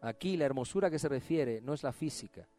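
A man preaching a sermon, swinging between emphatic exclamations and quiet, low drops. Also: animated, brisk, faint music behind.

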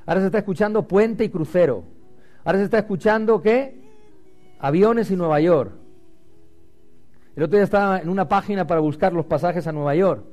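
A man preaching a sermon as pastor, swinging loud and rising to low and quiet. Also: brisk, pauses often, faint music behind.

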